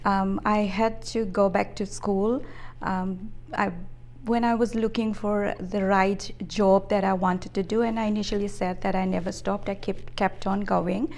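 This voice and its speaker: A woman in her fifties from Fiji, an executive answering interview questions in a measured, thoughtful way with frequent hesitations. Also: medium pitch, fairly even intonation, a little mellow. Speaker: interview guest, business executive.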